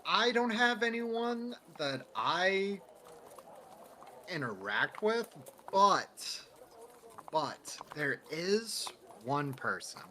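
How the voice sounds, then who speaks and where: Man doing a nervous tradesman NPC, stammers, slow and bright. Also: high-pitched, big pitch swings, a little hiss or hum, voice pushed up, exaggerated voice. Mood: uneasy. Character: jittery male carpenter drinking ale after work.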